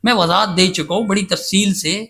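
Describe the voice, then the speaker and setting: A man's voice: sits high, steady tone, creaky, pushed and bright. A man speaking as a guest scholar in a podcast interview, insistent and emphatic as he defends himself at length. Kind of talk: casual debate-style interview talk.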